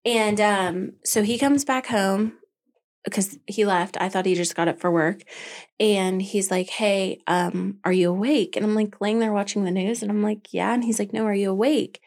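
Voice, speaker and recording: A woman, a boutique owner, chatting casually as a podcast guest and telling a story in an animated way, acting out her own and her husband's lines. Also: medium pitch, moderate pace.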